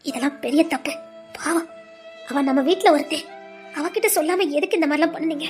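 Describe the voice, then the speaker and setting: An actress playing a middle-aged mother who quietly reproaches her sons and blames herself in a TV serial. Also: brisk, faint music behind, lightly acted. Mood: remorseful. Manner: low, pleading, reproachful. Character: remorseful mother of grown sons, worried.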